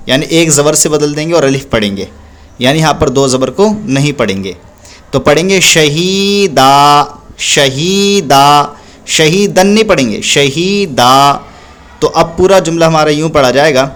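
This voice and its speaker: A man teaching Quran recitation step by step, stretching and repeating syllables slowly for the learner. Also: mid-range voice. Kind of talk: slow step-by-step recitation lesson.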